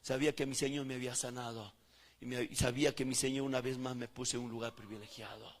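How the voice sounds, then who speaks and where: A man preaching a fervent sermon, swinging between loud calls and hushed words. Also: mid-range voice, flat delivery, quick pace, long reverb tail. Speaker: pastor.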